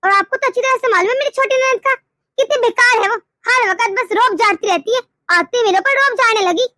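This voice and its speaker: A woman voicing a complaining, sharp-tongued young wife in a cartoon story. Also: extremely high pitch, a little fast, no echo, clean studio sound. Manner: whiny, indignant.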